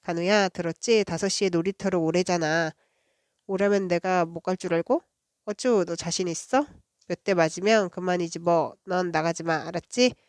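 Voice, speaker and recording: A woman's voice: fairly low pitch, normal speed, dry recording, studio quality, close to an everyday voice. A woman voicing a timid bullied schoolboy in a storybook read-aloud, who snaps back when pushed. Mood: uneasy.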